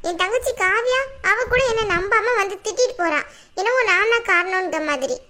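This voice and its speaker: Woman playing a very high, bright young wife. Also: moderate pace. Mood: pleading. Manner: pleading, defensive, protests. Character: young wife, worried and defensive. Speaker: actor. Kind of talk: family drama skit.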